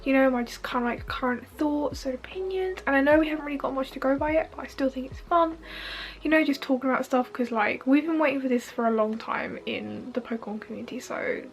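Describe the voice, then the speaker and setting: A young woman, sniffly from allergies, gushing and rambling excitedly in a casual vlog at home. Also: high-pitched, rough recording. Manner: gushing, giggly, fast and rambling with many fillers. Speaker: YouTuber reacting to a game trailer. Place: home front room.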